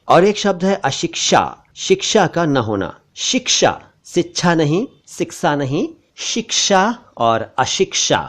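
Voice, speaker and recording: A middle-aged man teaches pronunciation with a voice of ordinary pitch. He says each word slowly and carefully, then repeats it to set the right sound apart from a common mistake. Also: fairly bright tone. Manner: slow, careful, repeats words to correct them. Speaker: language teacher. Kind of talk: pronunciation lesson.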